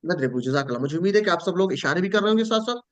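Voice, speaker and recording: Teacher, male, Pakistani Urdu accent, fairly high voice, leads patient call-and-repeat drills over a video call. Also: expressive, racing. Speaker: Quran Arabic teacher. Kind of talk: online class teaching Arabic verb forms.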